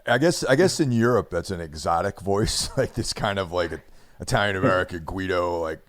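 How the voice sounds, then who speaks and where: A man's voice: sits low, lively intonation, brisk. A man hosting a podcast in casual chat, with a laid-back, easygoing manner. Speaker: podcast host.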